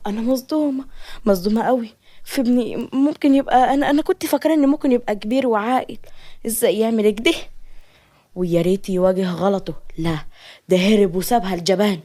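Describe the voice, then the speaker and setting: A woman's voice: lowish voice, steady tone, fast, mellow, natural voice. A woman voicing a tearful, anxious mother in an Egyptian accent. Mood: distressed. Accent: Egyptian Arabic. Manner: anxious, pleading. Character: worried older mother, tearful.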